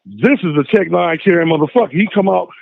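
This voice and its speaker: A man phones in to tell a long story in loose, casual talk, slipping into the voices of the people he describes. His voice sits high and carries a gravelly rasp. It comes through a thin, dry phone line. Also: quick pace. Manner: animated, acts out voices in his stories. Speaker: phone-in guest.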